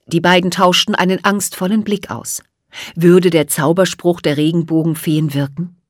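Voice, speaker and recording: A woman narrating a children's storybook in an expressive, dramatic reading. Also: lowish voice, dry recording, studio quality. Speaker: audiobook narrator.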